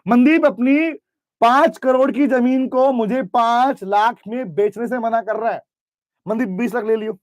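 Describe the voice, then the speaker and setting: Male lecturer with a very high voice and a dry sound, runs a lively class full of questions. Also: measured pace, no echo, highs cut off. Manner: lively, questioning students, mixes English terms into speech. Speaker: commerce teacher. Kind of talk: classroom lecture with role-play. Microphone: camera recording in class.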